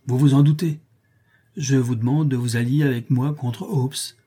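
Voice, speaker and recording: A man's voice: medium pitch, steady tone, normal speed, dark tone, slightly rough, natural voice. A man reading a scheming, sneering factory boss. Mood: insistent. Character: scheming greedy male meat-packer, middle-aged.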